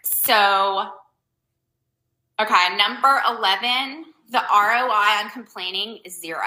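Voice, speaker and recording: A woman's voice: mid-range voice, bright, forceful tone, echoey room, poor audio. A woman hosting a casual advice talk for her viewers. She rambles loosely, leans hard on fillers like "um" and "like", and makes blunt, emphatic points. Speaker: host giving life advice.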